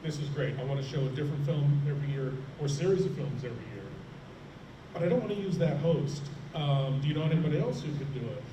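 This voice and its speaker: A man's voice: on the high side, fast. A middle-aged man, a horror host, chatting and telling anecdotes on a convention panel. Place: large room at a convention, panel. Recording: roomy, distant, noisy convention hall recording.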